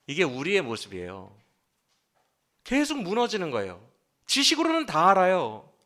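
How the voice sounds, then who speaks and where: Male pastor doing a sermon, bright tone, swings up and down a lot, acts out the pleas he quotes. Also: sits high, moderate pace. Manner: animated, keeps asking the congregation questions. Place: church sanctuary.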